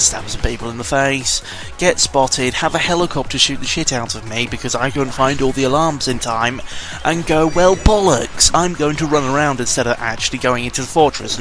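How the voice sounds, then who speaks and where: This British gaming vlogger has a sharp-toned, mid-range voice and talks at a moderate pace with few pauses. His casual game commentary rambles, digresses, and includes swearing, and he often corrects himself, with music playing beneath him.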